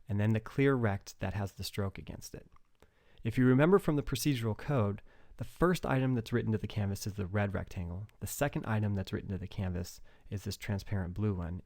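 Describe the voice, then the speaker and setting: A man's voice: fairly low pitch, a little mellow, dry recording, studio quality. A man explaining programming step by step in a methodical screencast tutorial. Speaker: programming instructor.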